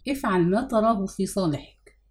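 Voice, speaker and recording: A woman's voice: mid-range voice, brisk, natural voice. A woman voicing a blunt, scornful adult man in an audiobook reading.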